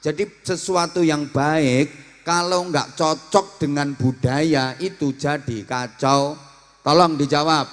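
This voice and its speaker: A man giving a humorous sermon, acting out different greetings and teasing his listeners. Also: a little high. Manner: lively, acts out greetings in many voices, teasing the audience. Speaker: preacher. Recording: long hall reverb.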